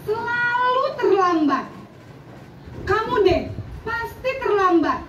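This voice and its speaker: A woman's voice: extremely high pitch, lively intonation, takes it slowly, a bit bright, heavily acted. A woman playing a harsh, belittling schoolteacher who punishes like a cruel taskmaster in an educational skit. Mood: angry, scolding. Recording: echoey, muffled, distant, faint noise.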